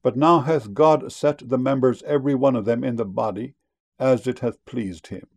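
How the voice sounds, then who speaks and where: A man reading King James scripture verses aloud in a solemn, measured, unhurried way. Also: medium pitch, vocal fry, a little mellow. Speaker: scripture reader.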